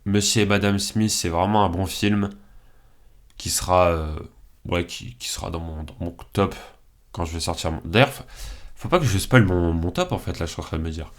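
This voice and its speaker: Low-voiced man musing, full of fillers. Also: moderate pace. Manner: hesitant, thinking aloud with many fillers; relaxed and candid. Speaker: channel host. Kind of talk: casual commentary while picking films.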